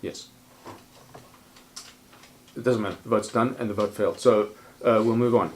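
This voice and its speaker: A man's voice: lowish voice, steady tone, a little mellow, slight background noise. Man chairing a council meeting. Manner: procedural, brisk, wry asides.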